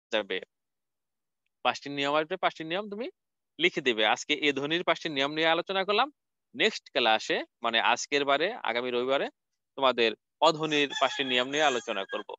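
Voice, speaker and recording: A man's voice: mid-range voice, bright, forceful tone, smooth, dry recording. A man teaching a recorded college lecture, spelling out words letter by letter and asking and answering his own questions. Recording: dull lo-fi dry recording.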